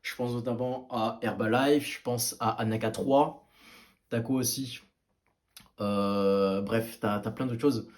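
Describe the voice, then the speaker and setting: A man's voice: medium pitch, fairly even intonation, slow pace. Casual, hesitant man giving fitness tips. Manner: hesitant, many fillers and restarts, blunt and informal. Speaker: fitness video maker. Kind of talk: casual advice to camera.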